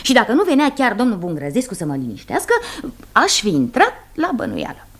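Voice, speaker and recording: A chatty, coquettish city wife in a 1970s radio comedy. Her high voice skips up and down, playful and talkative. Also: wildly swooping pitch, breathy edge, heavily acted.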